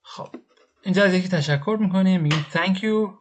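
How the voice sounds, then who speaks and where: A man teaching English grammar step by step, patiently repeating each example and translating it. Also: high-pitched.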